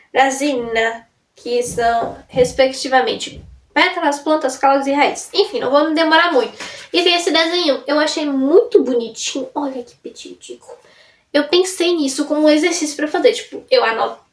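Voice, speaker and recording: A young woman vlogging in a casual, rambling way, often breaking off and restarting her sentences. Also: high-pitched. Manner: rambling, self-interrupting, chatty. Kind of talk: casual chat to camera. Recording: roomy sound from a distance off the mic.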